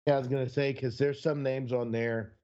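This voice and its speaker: A man who once worked as an announcer, telling stories on a podcast in an easygoing, anecdotal way. His voice is a middle pitch for a man. The recording sounds a little dull and muffled. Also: flat delivery, a little fast, warm tone. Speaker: podcast co-host, former announcer. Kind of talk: casual storytelling.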